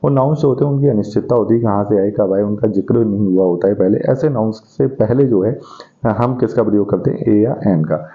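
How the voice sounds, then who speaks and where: A fairly low-pitched man delivers an English grammar lesson, proceeding step by step and answering his own questions. His reading of the English example sentences is slow, and the recording is dull and lo-fi.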